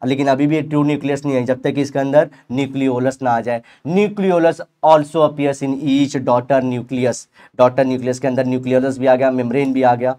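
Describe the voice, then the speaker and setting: A man teaching a biology revision lecture, explaining in Hindi with English terms, reading textbook lines slowly and asking the class questions. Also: mid-range voice, steady tone, mellow. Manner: playful analogies, asks the class rhetorical questions.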